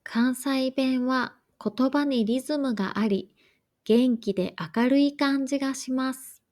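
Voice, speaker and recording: A woman reading a scripted lesson for learners in a slow, careful, even way. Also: high voice. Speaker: language teacher.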